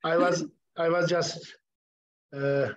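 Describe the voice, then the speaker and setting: A man talking business with a school director in an informal way, brisk with some fillers. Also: fairly high pitch, steady tone. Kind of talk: business call.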